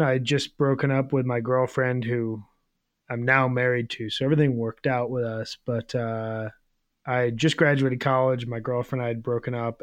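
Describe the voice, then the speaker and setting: A man's voice: mid-range voice, dry recording. A man in his thirties co-hosting a podcast, talking in a reflective, rambling way with many fillers. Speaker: podcast co-host. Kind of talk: casual podcast chat.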